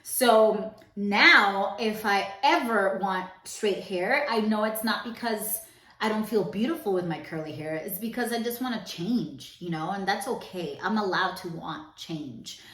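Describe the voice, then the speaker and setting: A woman's voice: medium pitch, expressive, fairly bright tone. Chatty young woman in a roomy room. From Cuba. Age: young adult. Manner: chatty and candid, switches between quick and slow emphatic phrasing. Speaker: podcast co-host and vlogger. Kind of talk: casual vlog storytelling.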